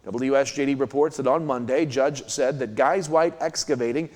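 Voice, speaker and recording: A man's voice: mid-range voice, moderate pace, darkish tone. An American man reading a scripted local newscast as its anchor. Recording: long hall-like reverb.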